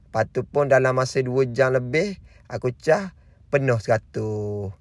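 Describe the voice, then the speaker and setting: A man's voice: mid-range voice, a little slow, no room sound. A man narrating his camping vlog in a rambling, casual way, often stringing thoughts together with "and then". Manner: rambling, repeats "lepas tu pun" often. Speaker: vlogger.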